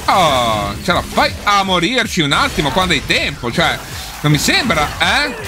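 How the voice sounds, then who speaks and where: A man's voice: high-pitched, wildly swooping pitch, a little slow, over music. A man giving casual let's play commentary, swearing and talking back at the enemies he fights. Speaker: gameplay streamer.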